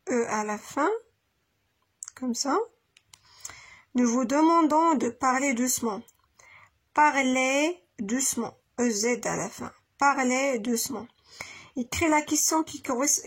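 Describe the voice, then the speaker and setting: Husky Moroccan woman teaching grammar. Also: fairly high pitch. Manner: explains in French then repeats in Moroccan Arabic, slow dictation. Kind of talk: classroom grammar lesson.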